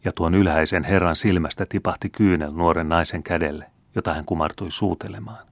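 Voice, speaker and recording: A man reading an audiobook in a measured way. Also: low voice, creaky, dry recording. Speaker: audiobook reader. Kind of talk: scripted narration.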